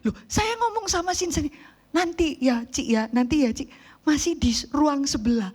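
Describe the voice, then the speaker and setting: A woman's voice: sits high, normal speed. A woman preacher, telling stories animatedly in a sermon and acting out the people in them. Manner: animated storytelling, acts out quoted voices.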